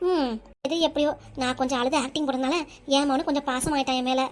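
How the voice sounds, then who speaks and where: A woman's voice: high-pitched, steady tone, fast, slight background noise, close to an everyday voice. A woman voicing a scheming whiny mother. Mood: plotting. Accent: Tirunelveli Tamil. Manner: complaining, whiny and plotting. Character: scheming middle-aged mother who fakes crying. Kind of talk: cartoon voice acting.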